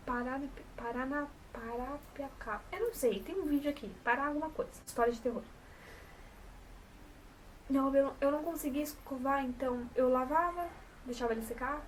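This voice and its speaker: A woman's voice: fairly high pitch, distant mic, a little hiss or hum, rough recording. A woman in her twenties with a São Paulo coast Brazilian Portuguese accent, chatting casually to camera in a rambling, self-correcting way. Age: 20s. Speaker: vlogger.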